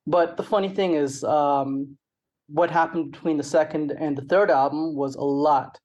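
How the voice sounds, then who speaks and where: A middle-aged Toronto man, a rapper and songwriter with a Canadian accent, chats casually as an interview guest, rambling and dropping plenty of "like" and "you know." His voice sits fairly high and sounds a bit mellow, with a steady tone at a moderate pace.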